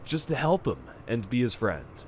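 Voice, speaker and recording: In a fan radio play, a man acts as a solicitous, formal minder to a young prince, speaking politely in a grave, solicitous mood. His medium-pitched voice swings widely in pitch at a normal speed and sounds close to an everyday voice, with a slight hiss or hum.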